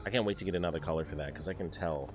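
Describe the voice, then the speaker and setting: A gaming streamer with a low voice talks very fast, giving casual, chatty commentary on his gameplay with exasperated asides. He uses a desk mic in a streaming setup, and game music plays underneath.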